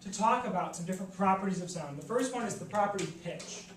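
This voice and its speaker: A woman's voice: mid-range voice, fast talker. A woman teaching a chemistry class, asking questions and coaxing her students to answer. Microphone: camera across the room. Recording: echoey classroom, distant camera, noisy.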